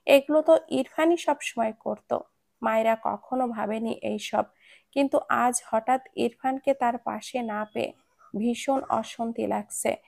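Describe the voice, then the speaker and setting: A woman narrating a romance story aloud in a steady storybook manner. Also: a little high, measured pace, gravelly, dry recording.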